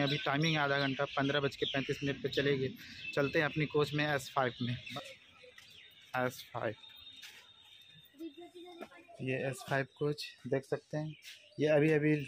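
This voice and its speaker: A man's voice: a little high, fairly bright tone. A man in his thirties narrating a casual travel vlog on a train, chatting to viewers as friends while filming at arm's length. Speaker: travel vlogger. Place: train station and moving train, outdoors and by open window. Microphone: handheld action camera at arm's length. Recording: dull lo-fi sound with train noise.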